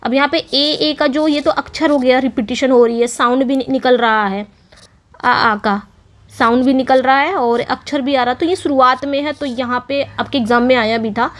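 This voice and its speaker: A woman, teaching an English exam-prep lesson in mixed with English terms, reading English questions slowly and asking and answering her own questions. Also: high voice, fairly even intonation.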